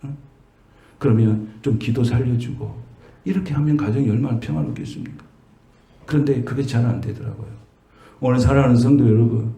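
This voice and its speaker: A man's voice: medium pitch, warm tone. A middle-aged man preaching a sermon, talking conversationally and asking the congregation rhetorical questions. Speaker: pastor. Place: church sanctuary. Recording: echoey church room.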